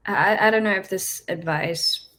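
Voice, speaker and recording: A woman's voice: mid-range voice, pushed and bright. A young adult woman, a singer, chatting as an interview guest in a bubbly, giggly way. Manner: bubbly, giggly, quick to cheer. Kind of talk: casual interview.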